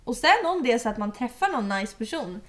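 A woman's voice: fairly high pitch, big pitch swings. A young woman, chatting casually and expressively, tossing in English phrases. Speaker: podcast co-host. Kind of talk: casual chat.

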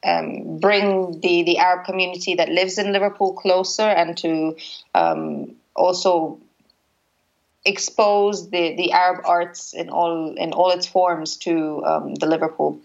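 A woman's voice: lowish voice, measured pace, gravelly. A woman in her thirties, a musician, answering interview questions in a hesitant way with many restarts. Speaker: interviewee, musician and former teacher. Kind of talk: conversational interview. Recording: dull lo-fi sound with faint noise.

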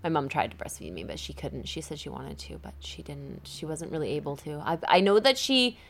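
A woman, co-hosting a casual chat and telling animated stories with lots of laughter. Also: sits low, brisk, gravelly. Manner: animated storyteller, laughs often, acts out voices. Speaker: podcast co-host.

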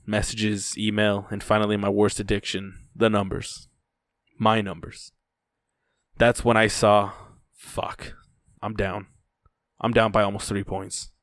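A man's voice: on the low side, no room sound. A man narrating a first-person story in a dry, weary telling.

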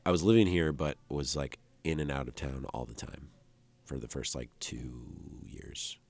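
A man's voice: rumbling low, normal speed, darkish tone. A man talking casually as an interview guest, in a laid-back, rambling way full of "like" fillers, recorded close to the mic. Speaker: musician guest. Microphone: close microphone.

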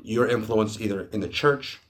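Low-voiced man hosting a podcast. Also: moderate pace. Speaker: podcast host. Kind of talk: casual podcast chat. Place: studio.

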